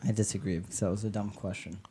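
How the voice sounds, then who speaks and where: A man's voice: lowish voice, steady tone, racing, dark tone, slightly rough. A man co-hosting a podcast in casual chat, teasing his partner with dry banter. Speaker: podcast co-host.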